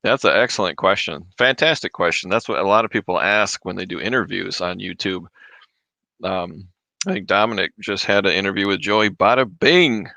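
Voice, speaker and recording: A man's voice: low-pitched, moderate pace, vocal fry, pushed and bright, no echo, poor audio. A man from Michigan hosting a casual livestream, chatting with viewers and answering their reselling questions while he eats. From Michigan, USA. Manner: chatty, reads viewer comments aloud, chews while talking. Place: his home. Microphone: desk microphone. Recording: dry close mic, drops off when mic moved away.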